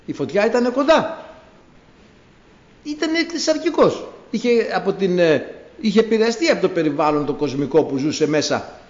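Male preacher, high voice, swooping lively delivery, acts out scenes; echoey, dull lo-fi recording. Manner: animated storytelling, acting out biblical scenes. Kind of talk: sermon. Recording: echoey room, dull lo-fi sound.

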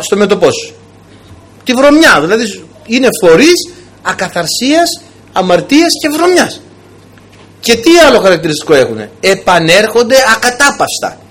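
A male preacher with a husky, slightly breathy voice that sits high for a man. His pitch swings widely as he drives home each point and speaks straight to his flock. He delivers a storytelling sermon with steady emphasis. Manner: emphatic, storytelling delivery with a direct address to the congregation.

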